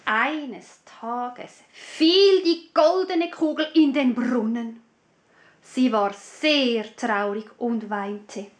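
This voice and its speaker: A woman reading a fairy tale aloud for children, slow, clear and expressive. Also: a little high. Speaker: storyteller.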